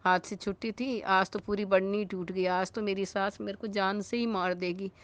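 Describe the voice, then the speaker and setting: A woman's voice: mid-range voice, steady tone, moderate pace, natural voice. A woman voicing a frightened young daughter-in-law. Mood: fearful. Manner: anxious, fearful.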